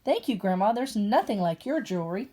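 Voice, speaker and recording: A woman voicing a sweet, grateful little girl bear cub in a storybook, speaking softly. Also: mid-range voice, sing-song, brisk.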